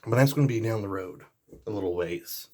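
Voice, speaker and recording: A man's voice: on the low side, a little fast, a little mellow. A man reviewing pocket pliers in a casual, rambling vlog. He is easygoing, with many fillers and restarts. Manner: jokey sign-off.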